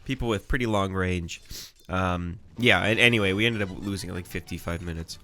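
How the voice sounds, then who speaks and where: A man's voice: sits low, brisk, bright, forceful tone. A man with a stuffy nose giving casual, rambling live commentary on a video game match. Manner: rambling, chatty asides.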